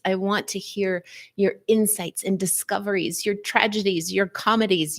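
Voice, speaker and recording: A woman's voice: mid-range voice, fairly bright tone. A woman hosting a live wellness stream, talking straight to her viewers with playful wordplay and a sing-song, chatty manner.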